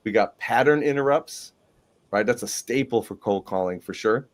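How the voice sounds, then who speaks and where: Male host, lower voice, upbeat and emphatic, business training talk. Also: normal speed. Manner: enthusiastic, emphatic, frequent "right?". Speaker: podcast host.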